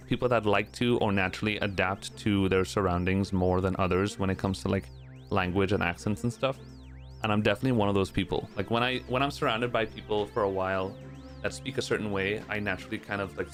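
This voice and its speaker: Raised in Trinidad and now in his thirties, this streamer and speedrunner talks in an American accent he picked up over years of streaming. His voice sits fairly low as he casually chats with viewers and reads chat during a game, sarcastic, often profane, and restarting a lot.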